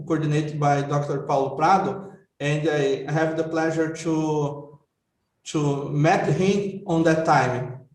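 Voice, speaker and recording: Slow, higher-voiced man in a roomy space. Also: a little mellow. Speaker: session chair. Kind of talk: formal speaker introduction. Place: online video call. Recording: roomy, distant microphone.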